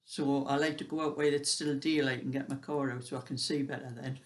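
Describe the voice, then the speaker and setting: A woman's voice: a bass voice, steady tone, brisk. An elderly British woman of seventy-five chatting casually, telling everyday stories in a rambling, conversational way. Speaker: vlogger sharing everyday life. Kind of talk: casual chat.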